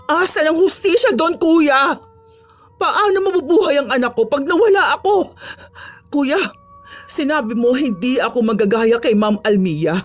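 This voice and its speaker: A woman's voice: high-pitched, animated, normal speed, soft background music. A woman voicing a desperate, grieving mother who pleads and accuses through tears in a horror audio story. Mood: anguished. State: crying.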